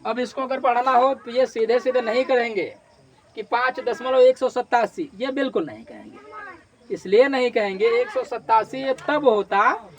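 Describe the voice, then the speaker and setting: A man's voice: extremely high pitch, expressive, moderate pace. A male teacher giving a classroom maths lesson, repeatedly quizzing his class and answering his own questions.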